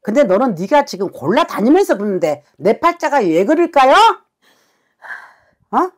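High-pitched woman shaman chewing out a client, cursing, voice jumping all over, keeps going "eh?". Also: very animated, normal speed, a little mellow. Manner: harsh, swearing, berating; keeps demanding answers with repeated "eh?". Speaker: shaman fortune teller. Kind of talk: scolding a client during a consultation.

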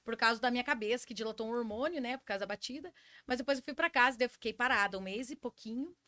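A quick-talking woman with a bright, slightly high voice, telling her stories animatedly in a casual podcast chat. The recording is close and dry, with no room sound. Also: no echo. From Brazil. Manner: animated storyteller, acts out voices and exclamations. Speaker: podcast guest, truck driver.

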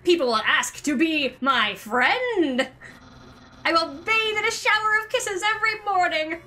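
A woman voicing Papyrus, a loud, vain and overeager male skeleton, pompous and shouty in a fan game voice-over. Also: very high voice, lively intonation, unhurried, pitched above the performer's own voice, full character voice. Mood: scolding.

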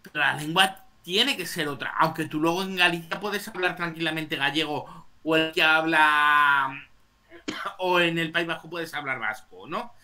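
Man, Spain Spanish accent, high voice, very sharp tone, rambling talk, tag questions, video call. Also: moderate pace. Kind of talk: casual debate.

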